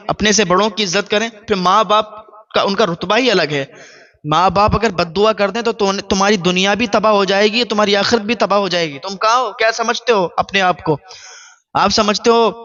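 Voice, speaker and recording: Male preacher, earnest repetitive sermon, bright tense voice, muffled lo-fi recording. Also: high-pitched. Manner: repetitive, earnest moral exhortation. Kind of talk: sermon with storytelling.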